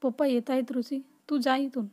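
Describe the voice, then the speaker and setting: A woman voicing a spirited, quick-witted young woman in a storybook reading. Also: high-pitched, fairly even intonation, dark tone, natural voice. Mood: lively.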